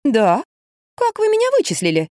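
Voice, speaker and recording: A woman voicing an excitable young wife who plays the fool, exclaiming and indignant. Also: sits high, moderate pace, dry recording, studio quality, voice pushed up. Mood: agitated.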